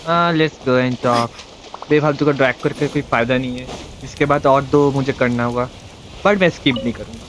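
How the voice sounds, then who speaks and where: A man with an Indian accent streams a game, giving casual, playful live commentary that mixes Hindi and English and often repeats phrases. His mid-range voice is very fast. Game music plays behind him, with a little hiss or hum.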